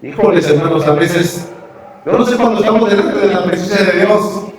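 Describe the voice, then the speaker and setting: A man's voice: high voice, moderate pace, a crowd in the background. A man, preaching a sermon and asking the congregation questions. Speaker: pastor. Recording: echoey hall, mic far off.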